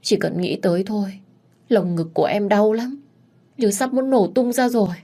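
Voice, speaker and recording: A young woman, tearful yet defiant, pleads with emotion in an audiobook story, voiced by a woman narrator. Her voice sits a touch higher than the narration. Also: moderate pace, mellow, close to an everyday voice.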